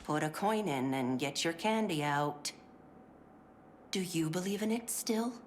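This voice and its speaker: Voicing lines for a game, an actress portrays a fraying 1950s clinic worker, chirpy, sugary, and overly polite but strained and pill-addled, often slipping into whispers. Her deep voice is unhurried and frayed in mood, with steady background noise.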